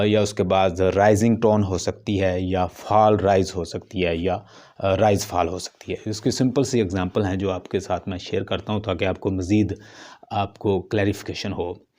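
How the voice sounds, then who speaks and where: A man gives a lesson in an unhurried, deliberate way. His voice sits fairly low and sounds mellow and warm. He repeats short example sentences and leans hard on the stressed words. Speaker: English teacher. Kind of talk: lecture explaining intonation.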